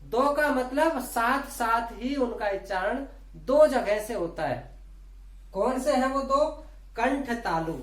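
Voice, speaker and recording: Woman, grammar teacher, exam-prep lesson, slow and deliberate, fairly high voice, sounds out each letter, echoey room. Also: lively intonation. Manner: slow, deliberate, demonstrates sounds aloud one by one.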